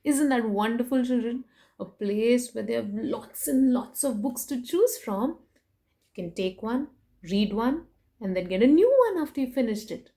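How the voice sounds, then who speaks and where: Here a woman with a slightly high voice reads a storybook to children at a moderate pace. She's animated and expressive, breaking off to ask her young audience questions directly.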